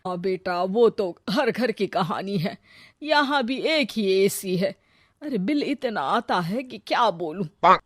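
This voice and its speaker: Storybook mother, voiced by a female reader: middle-aged, protective, mid-pitched, blunt, colloquial emphasis. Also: animated, takes it slowly, fairly bright tone, no echo, clean studio sound. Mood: sympathetic, blunt.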